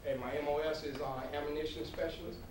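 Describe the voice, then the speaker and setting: A man's voice: on the high side, fairly even intonation, quick pace. A man from Louisiana with a Southern US accent introducing himself informally to a group in a folksy, joking country way. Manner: folksy, jokey country talk. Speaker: army staff sergeant. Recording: echoey room, distant mic, loud crowd.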